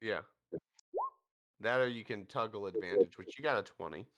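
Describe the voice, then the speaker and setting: A man running a tabletop game as game master, narrating in a lively way with frequent laughs. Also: lowish voice, moderate pace.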